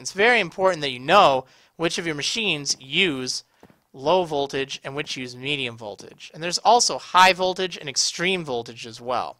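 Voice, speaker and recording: Animated man with slightly strained, bright voice. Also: on the high side, no echo. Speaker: gaming video host. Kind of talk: casual video game tutorial commentary.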